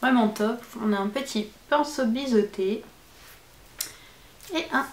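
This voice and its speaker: A woman's voice: fairly high pitch, unhurried, roomy sound, noisy background. A woman beauty vlogger chatting casually through a makeup palette review, enthusiastic about each shade.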